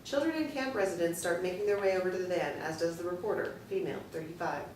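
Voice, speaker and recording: A woman reading a screenplay's stage directions aloud in a measured, matter-of-fact way. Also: fairly low pitch, a little mellow. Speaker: narrator. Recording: roomy, distant from the mic, faint noise.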